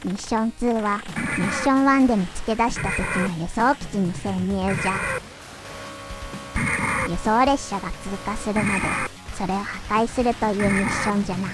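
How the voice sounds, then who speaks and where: A woman's voice: medium pitch, normal speed. A woman giving scripted gameplay commentary as a playthrough host, phrasing things in the quaint manner of an elderly sage. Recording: loud game music behind voice. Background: loud video game music.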